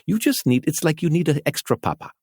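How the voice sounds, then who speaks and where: A man's voice: on the high side, lively intonation, quick pace, darkish tone, breathy edge, no room sound, clean studio sound, pitched above the performer's own voice. A man putting on a patronizing apartheid-era lecturer. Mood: condescending. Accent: attempted South African.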